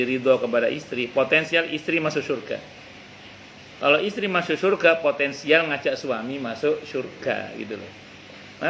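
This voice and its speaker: A man's voice: medium pitch, creaky, bright, forceful tone, a little hiss or hum, poor audio. A man giving a religious study lecture in a conversational way, often repeating his points and quoting Arabic verses. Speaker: religious teacher. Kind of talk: mosque study-circle lecture. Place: cafe.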